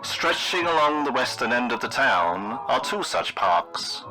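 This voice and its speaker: Deadpan man narrating like an old newsreel. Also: mid-range voice, unhurried, rough recording. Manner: formal, florid, deadpan delivery. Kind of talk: old newsreel narration, scripted mock travelogue. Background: music.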